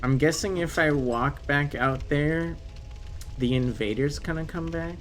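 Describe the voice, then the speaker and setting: Over soft background music, a French-speaking man with a fairly high voice and an unhurried pace gives casual live gameplay commentary. He chats with viewers on stream, breaking out into swearing and sudden exclamations.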